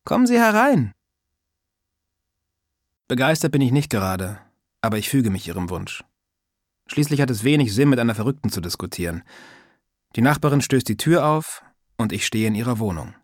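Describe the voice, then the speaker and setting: A man's voice: dry recording, studio quality. Weary, sardonic young man narrating. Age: young adult. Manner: weary, sardonic, low-key. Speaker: first-person narrator. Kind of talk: audiobook narration.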